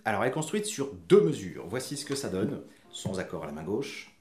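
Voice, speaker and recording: A man giving a guitar lesson in a roomy, echoing space. He talks patiently through each step and chants the strum counts out loud. His guitar rings clearly under his voice. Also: fairly low pitch, very animated, brisk. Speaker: guitar teacher. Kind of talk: guitar tutorial. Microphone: mic near the guitar.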